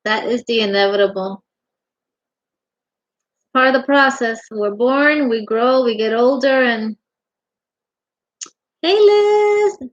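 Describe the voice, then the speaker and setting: A middle-aged woman hosts a casual livestream from her home craft room, her voice sitting a little high. She greets each viewer warmly and calls them honey. The audio is dull and lo-fi, like a home stream. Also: expressive, takes it slowly, pauses often. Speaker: livestream host.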